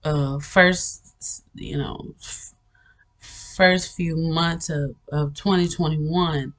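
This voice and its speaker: A woman's voice: sits low, fairly even intonation, very slow. A woman hosting a spiritual channel, telling about a vision in a casual, rambling way, with many restarts and frequent laughter. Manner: earnest, storytelling.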